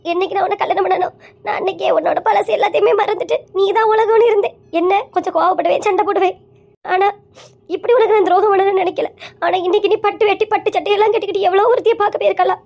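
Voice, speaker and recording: A woman's voice: very high-pitched, vocal fry, darkish tone. A woman playing a sobbing betrayed wife. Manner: wailing, scolding complaints. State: crying. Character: weeping middle-aged village wife, betrayed. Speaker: comedy skit performer.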